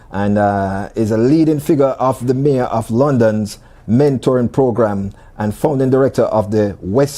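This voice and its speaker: Man, talk show host, dark mellow voice, relaxed, halting. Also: mid-range voice. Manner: relaxed, halting, many fillers and restarts. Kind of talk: casual interview talk.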